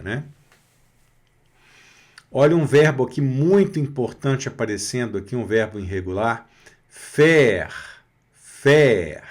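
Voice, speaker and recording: A man gives a pronunciation lesson at a slow, careful pace. He says each example word several times and patiently asks the listener to repeat it. His voice sits in a middle pitch. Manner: patient, repeats words slowly and asks for repetition. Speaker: French teacher.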